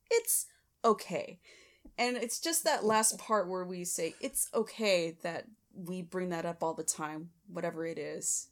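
A woman co-hosting a podcast, casually reviewing a comedy film and thoughtfully explaining her favorite and least favorite lines. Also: fairly low pitch. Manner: thoughtful, explains her picks, light laughter. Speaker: podcast co-host.

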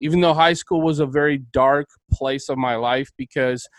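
A man's voice: mid-range voice, fairly even intonation, moderate pace, no room sound, poor audio. A man from Bulgaria, hosting a podcast interview and talking in an enthusiastic, motivational way. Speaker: podcast host. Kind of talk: interview conversation.

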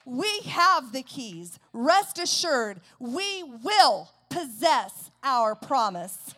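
A woman preaching in a church service with a high voice. She speaks slowly and deliberately, stressing each phrase. Her lines swell into loud, forceful declarations. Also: big pitch swings. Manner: declaiming a war-like declaration, slow and emphatic, rising to loud shouts. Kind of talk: sermon.

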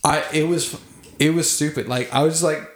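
A man's voice: on the high side, steady tone, fairly quick, echoey room. A man, a band singer, chatting casually on a podcast, rambling with restarts and swearing.

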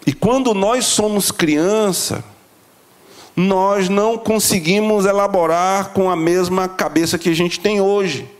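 A man preaching a sermon, moving from soft, slow lows to high, emphatic climbs. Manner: emotional, rising to high emphatic peaks then dropping low and slow.

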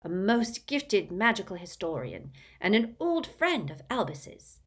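A woman voicing a flustered, loyal elderly gentleman who speaks feebly and defensively. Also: mid-range voice, very animated, a little slow, breathy edge.

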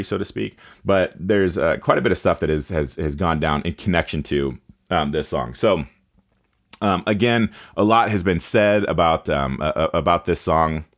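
Deep voiced guy ranting, lots of uh and um, keeps restarting. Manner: indignant, halting with many fillers and restarts. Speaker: commentator. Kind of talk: opinion commentary.

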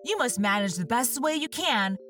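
A woman's voice: fairly high pitch, lively intonation, normal speed, fairly bright tone, far from the mic, soft background music. A woman voicing Alice, a curious, fretful little girl, in a storybook reading. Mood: fussing.

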